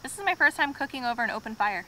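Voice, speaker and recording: A woman's voice: a little high, lively intonation, very fast, pushed and bright. A young woman vlogging casually from a wooded campsite into a handheld camera, chatty and upbeat with lots of "like" fillers. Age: young adult. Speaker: moto-camping vlogger. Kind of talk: casual vlog narration to camera. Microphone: handheld camera at arm's length. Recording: noisy outdoor camera audio. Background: outdoor woodland ambience.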